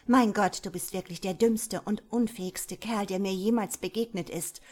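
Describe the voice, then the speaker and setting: A woman voicing a domineering, scornful female boss who scolds sharply and loudly. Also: mid-range voice, animated, unhurried, husky. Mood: scolding. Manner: sharp scolding, loud commanding.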